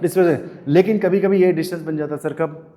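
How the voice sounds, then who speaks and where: A male physics teacher at a coaching institute lectures with rapid-fire questions, getting the class to reply in chorus and teasing them in fun. He's a fast talker with a warm, slightly high voice and fairly even intonation, heard with a big-room sound.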